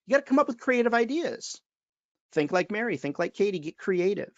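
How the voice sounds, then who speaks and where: Animated man coaching sales. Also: high voice, fairly quick, dry recording, lo-fi sound. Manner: emphatic, coaching, calls listeners "friends". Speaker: sales trainer. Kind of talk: webinar presentation.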